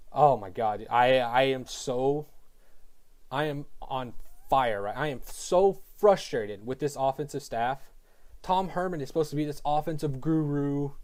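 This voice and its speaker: A young man vents in an exasperated rant about his team's coaching, voice sitting a little high for a man. He stumbles, restarts and repeats himself as the frustration builds. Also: dark tone. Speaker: sports fan vlogger. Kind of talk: ranting sports commentary.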